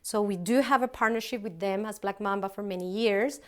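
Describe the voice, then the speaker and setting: Briskly and at medium pitch, a middle-aged woman presents a cooking recipe in a large open kitchen. She is from Colombia and founded a company, and her casual talk includes plenty of ums and restarts.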